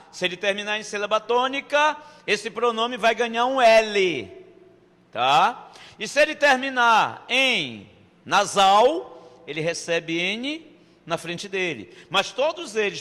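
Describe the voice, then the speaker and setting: Brazilian male teacher, bright high voice, slow and playful, reverberant room. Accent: Brazilian Portuguese. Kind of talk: online exam-prep grammar lesson.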